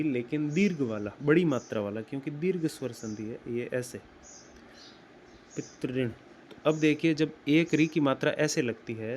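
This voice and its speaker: Slow, deliberate male grammar teacher. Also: medium pitch, a little mellow, a little hiss or hum. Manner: slow and deliberate, repeats words while writing. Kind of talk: explaining at a whiteboard.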